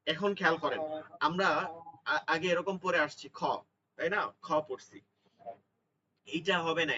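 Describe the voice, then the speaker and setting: Slow, bright-voiced male teacher. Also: high voice, far from the mic, highs cut off. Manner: patient, demonstrates letter sounds slowly and repeats them. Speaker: Quran recitation teacher. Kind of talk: online tajweed lesson. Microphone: online class audio.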